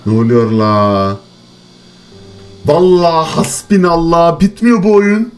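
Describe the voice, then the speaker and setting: A man's voice: on the high side, slow, faint music behind. A man hosting a horror game let's play, talking to his viewers, muttering nervously and swearing and shrieking when startled. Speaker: gaming channel host.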